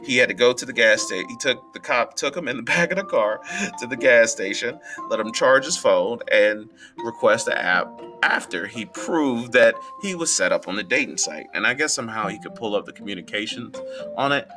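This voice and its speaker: A man telling a story on his podcast in a casual, animated way, acting out the people he quotes. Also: medium pitch, normal speed, over music.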